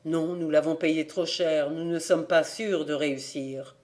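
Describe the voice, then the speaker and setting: A man reading an audiobook, voicing a proud, bitter old farmer father who speaks gravely and flares into anger. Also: on the high side, steady tone, unhurried, close to an everyday voice. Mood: grave pleading. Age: older.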